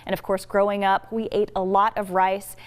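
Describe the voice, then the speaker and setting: Woman, interview, relaxed, chatty, smooth voice. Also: medium pitch, moderate pace. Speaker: TV station employee. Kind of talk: candid interview.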